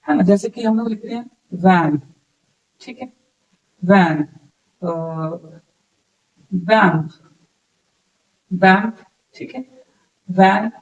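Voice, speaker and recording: A man with a fairly high voice leads an English lesson. He says each example word slowly, repeats it, and keeps checking that listeners follow. The mic sits some way off, so he sounds a little distant. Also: lo-fi sound. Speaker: English teacher. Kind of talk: classroom-style lesson.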